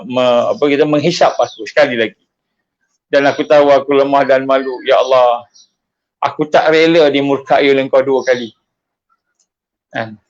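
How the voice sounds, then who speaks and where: Preacher, male, Malaysian accent, slightly high voice, lively storyteller, dull lo-fi recording. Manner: animated storytelling, acting out quotes with big pitch jumps. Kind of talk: sermon.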